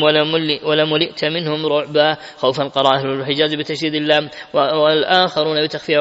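A man's voice: on the high side, a bit bright, clear, resonant tone. A man reading classical Quran commentary aloud, with frequent self-corrections and restarts. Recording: dull lo-fi recording with long hall reverb.

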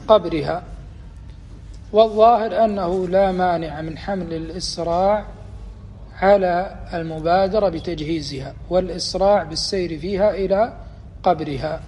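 Man, religious teacher, explanatory lecture, quizzing students, fairly high voice, faint room ambience. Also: a little mellow, muffled recording, slight background noise. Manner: deliberate, quizzes his students. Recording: long reverb, faint ambience.

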